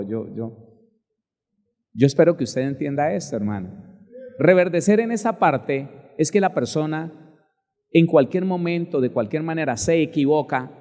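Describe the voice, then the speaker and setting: A male pastor preaching a sermon emphatically, spelling out words slowly and addressing listeners directly. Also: mid-range voice, dark tone, in a large hall.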